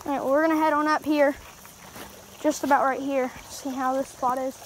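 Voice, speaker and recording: Filming on a handheld phone, a female fishing vlogger keeps up relaxed, chatty commentary for her viewers beside a wooded mountain creek. Her high-pitched voice is brisk and flat. There's slight background noise and the audio quality is poor.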